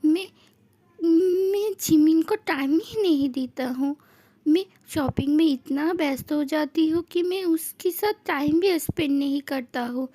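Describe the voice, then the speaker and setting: A woman's voice: high-pitched, measured pace, mellow. A woman voicing a tearful young man who blames himself and asks for advice, in a fan-fiction story. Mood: remorseful. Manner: self-blaming, pleading for advice.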